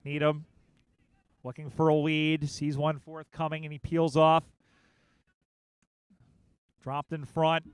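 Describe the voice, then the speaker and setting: A man giving live play-by-play commentary on a football match, calling the action quickly and getting louder on big plays. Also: fairly high pitch, clear, resonant tone, dry recording. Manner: rapid play-by-play, rising excitement on big plays. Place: outdoor sports field.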